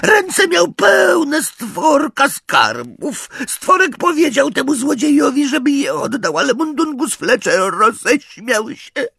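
Wretched old house-elf, croaking and wailing, shrill squeaky storybook voice, wild swoops in pitch. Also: male voice, big pitch swings, takes it slowly, hardly any pauses, bright, forceful tone, dry recording, clean studio sound, heavily acted. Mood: sobbing. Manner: croaking, sobbing, shrieking outbursts.

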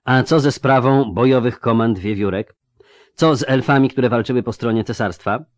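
A man voicing a thoughtful male pilgrim who speaks in a measured, probing way. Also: mid-range voice, dry recording, voice pushed up, lightly acted.

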